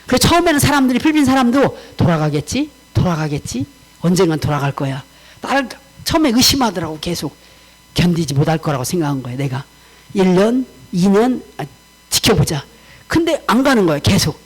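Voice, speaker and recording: A woman missionary giving a personal testimony to a congregation in a warm, conversational way, mixing casual and polite speech and acting out remembered conversations. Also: medium pitch, fast talker, slightly rough, rough recording. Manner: animated storytelling, acting out remembered dialogue.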